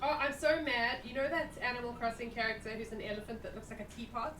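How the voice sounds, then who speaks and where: A woman chatting casually and rambling with friends on a stream, self-mocking and animated. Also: a little high, fast talker. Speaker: stream co-host. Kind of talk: casual chat among friends. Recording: distant mic, roomy echo, noise.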